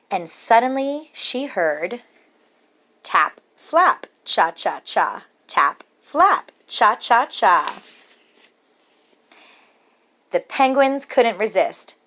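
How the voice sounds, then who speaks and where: Here a female storyteller with a mid-range pitch reads aloud from a children's picture book. Her measured, rhythmic phrasing is expressive and suited to a young audience.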